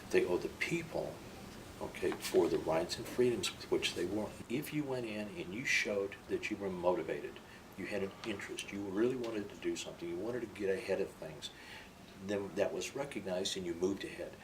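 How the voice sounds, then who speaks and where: A man's voice: deep voice, fairly quick. An older man, a military veteran, remembering his past in an interview in an opinionated, emphatic way. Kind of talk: reminiscing in an interview. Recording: distant microphone, clearly noisy room.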